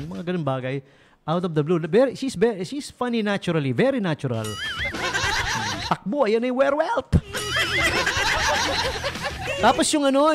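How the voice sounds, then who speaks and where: A man's voice: fairly high pitch, noisy background. Jokey Filipino radio DJ man. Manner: jokey, laughs often, mixes English into Tagalog. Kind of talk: casual radio chat. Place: radio studio.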